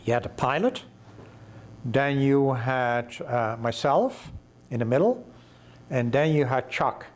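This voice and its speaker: A man's voice: mid-range voice, lively intonation, slow, pauses often. An older man recounting an adventure in a documentary interview, telling it vividly and acting out the dialogue.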